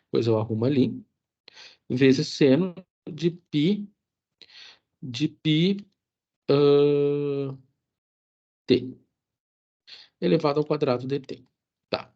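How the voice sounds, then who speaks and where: On dull lo-fi audio, a warm-toned man with a voice on the high side takes his time, leaving long pauses. He casually talks an online class through code, constantly checking in with fillers and correcting himself.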